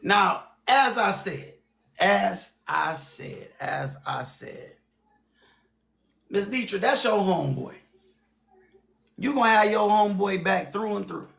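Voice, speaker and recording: A man's voice: high-pitched, expressive, slow, creaky, long pauses, a bit bright, reverberant. A man in his forties hosting a livestream, talking bluntly and repeating phrases and names for emphasis. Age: 40s. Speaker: livestream host. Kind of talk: heated livestream chat.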